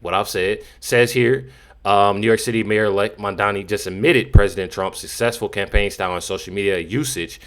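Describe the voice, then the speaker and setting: A man's voice: fairly low pitch, fairly even intonation, a little fast, a bit bright, smooth. A man giving casual, unscripted commentary in a rambling, repetitive way, leaning often on filler phrases. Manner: rambling, repeats himself, frequent "you know". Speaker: commentator reacting to news clips.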